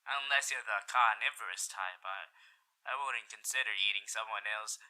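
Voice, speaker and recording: A man's voice: on the low side, moderate pace, sharp tone, rough recording. A man playing a suave, smug radio demon in a roleplay audio, speaking straight to the listener with theatrical, old-fashioned phrasing and teasing endearments. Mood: theatrical, amused. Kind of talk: roleplay ASMR character audio addressed to the listener.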